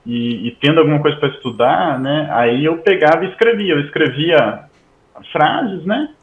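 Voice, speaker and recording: A man's voice: on the high side, expressive, normal speed, roomy sound, narrow, tinny audio. A Brazilian man, a Hebrew teacher, chatting as a guest and ending almost every sentence with a questioning tag. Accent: Brazilian Portuguese. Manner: tags most sentences with "né?". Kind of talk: casual interview chat.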